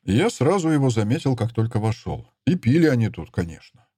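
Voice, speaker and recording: Expressive male audiobook narrator. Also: medium pitch, slightly rough, no room sound, studio quality. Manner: expressive, measured storytelling.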